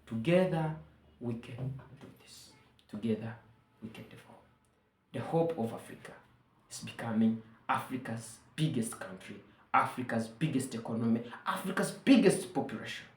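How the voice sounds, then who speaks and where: A very deep, darkish-toned female voice comes from a Ugandan woman whose first language is Luganda, speaking expressively at a moderate pace. Her persuasive monologue to camera is earnest and rallying, with phrases repeated for emphasis, and the room reverberates.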